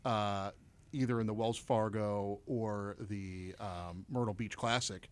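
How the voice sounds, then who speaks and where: A man hosting a podcast in a relaxed, chatty way, with lots of ums and uhs. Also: on the low side, slow pace, clear, resonant tone. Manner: easygoing, chatty, with frequent fillers. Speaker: podcast host. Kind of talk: casual podcast chat.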